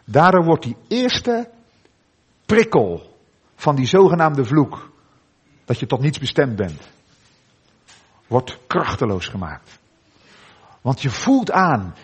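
Husky, lively Dutch-speaking preacher man. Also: a little high. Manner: earnest preaching with dramatic pauses and softened endings. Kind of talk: sermon. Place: church.

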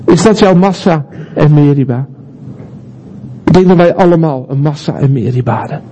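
Male preacher, high but warm voice, earnest sermon delivery. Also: moderate pace, slight background noise. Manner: earnest, emphatic repetition, rhetorical questions.

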